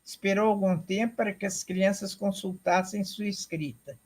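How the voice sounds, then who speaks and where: A woman giving an academic lecture, explaining slowly and deliberately, repeating herself and checking in with her audience. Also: medium pitch, steady tone, darkish tone, slightly rough.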